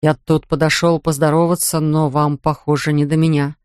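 A woman's voice: low voice, flat delivery, moderate pace, darkish tone, clear, resonant tone, no echo, lightly acted. A polite young man, voiced by a woman reader speaks with mild embarrassment. The sound is close and dry, like an audiobook.

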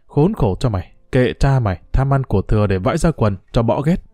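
A man's voice: medium pitch, animated, a little fast, warm tone, no echo, clean studio sound, soft background music, lightly acted. A man voicing a cocky, bossy street boy. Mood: irritated. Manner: brash, lecturing.

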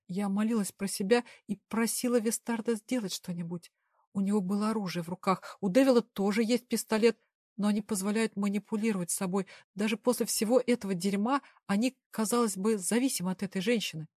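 A woman's voice: mid-range voice, a little fast, a little mellow, dry recording. Woman narrating a tense audiobook, dry. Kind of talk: first-person audiobook narration.

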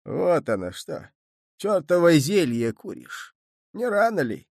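A man voicing a stern, sarcastic old grandfather who scolds in a shrill, raised voice, in an audiobook reading. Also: very animated, takes it slowly, gravelly, a little mellow, dry recording, studio quality, heavily acted. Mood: scolding.

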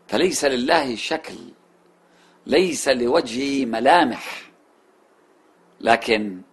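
A man giving a religious talk, telling a moral story in a storytelling manner that rises sharply and then falls to soft, quiet endings. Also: fairly low pitch. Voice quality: husky. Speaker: religious speaker.

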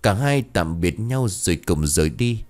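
A man narrating a ghost story in a lively, dramatic way. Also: sits low, normal speed.

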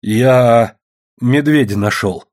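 A man's voice: mid-range voice, slow, a little mellow, lightly acted. A man voicing a sheepish, blustering young village lad in an audiobook. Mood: boastful. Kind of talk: audiobook character voice.

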